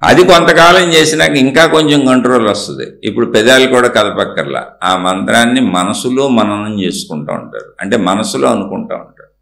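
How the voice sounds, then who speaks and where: A man's voice: medium pitch, expressive, a little fast, creaky, a bit bright, roomy sound. A man giving a spiritual discourse, explaining patiently and repeating key points for emphasis. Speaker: spiritual teacher.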